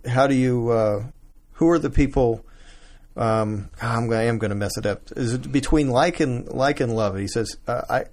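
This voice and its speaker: A man's voice: mid-range voice, normal speed, darkish tone. Man, radio host, casual interview, short agreeable replies. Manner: brief, agreeable backchannels.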